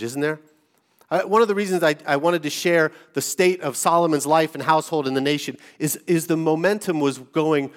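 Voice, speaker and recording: A male pastor delivering a sermon in a chatty, animated manner, turning often to his listeners with quick asides. His voice sits a bit higher than most men's. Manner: conversational and lively, with asides to the congregation.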